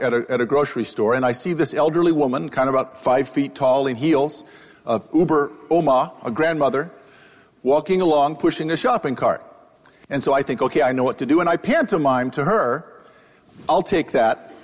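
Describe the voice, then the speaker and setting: Wry storytelling man in a reverberant hall. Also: a little high. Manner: wry, self-deprecating anecdotal delivery. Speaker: economist giving a public talk. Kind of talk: humorous storytelling lecture. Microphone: wearing a microphone. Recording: live talk with long hall reverb.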